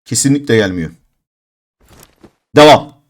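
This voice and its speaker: A man in his thirties streams a mobile game live, chatting casually in a mid-range, animated voice at a measured pace. As he plays he grows frustrated and exasperated, swearing in bursts.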